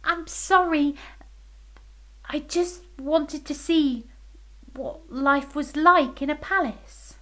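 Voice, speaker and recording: A timid little fairy who speaks softly apologetic, voiced by a woman telling a story to small children. Her voice sits a touch high and unhurried. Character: small shy female fairy.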